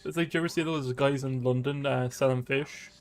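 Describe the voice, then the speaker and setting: A man's voice: medium pitch, steady tone, brisk. A man doing casual let's-play commentary, rambling as he narrates what he does. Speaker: gaming commentator.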